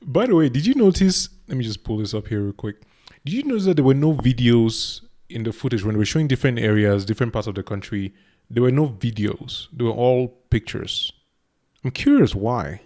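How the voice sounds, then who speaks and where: A young Cameroonian man gives casual commentary while reacting to a video, excitable and stammering as he keeps restarting. His voice sits in the mid range and moves fairly quickly.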